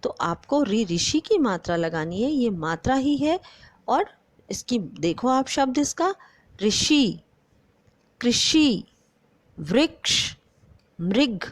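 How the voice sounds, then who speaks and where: A woman teacher talks young pupils through a grammar lesson with a fairly high, very animated voice. She speaks slowly and stretches out each example word, often stopping to put questions to the children. The sound is dry and close. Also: no room sound. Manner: slow and deliberate, stretching out example words; addresses the pupils often and asks them questions. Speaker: primary school teacher.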